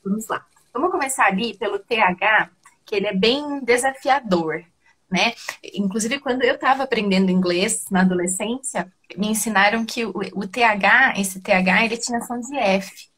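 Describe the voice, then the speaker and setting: A woman's voice: mid-range voice, normal speed, a bit bright, slightly rough. A woman with a Brazilian accent co-teaching a live English class, patiently explaining pronunciation step by step. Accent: Brazilian Portuguese.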